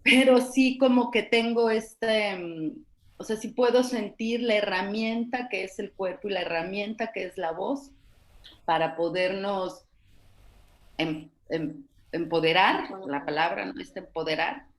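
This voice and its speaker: A woman's voice: mid-range voice, a little slow. A woman with a Mexican accent, a panel guest, talking in a thoughtful, searching way with many fillers over a video call. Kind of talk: reflective casual talk.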